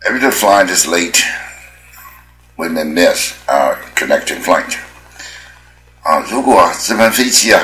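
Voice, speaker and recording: A man teaching English pronunciation in a chatty, rambling way, with many drawn-out filler particles. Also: a bass voice, pushed and bright, echoey room, rough recording. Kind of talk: spoken language lesson.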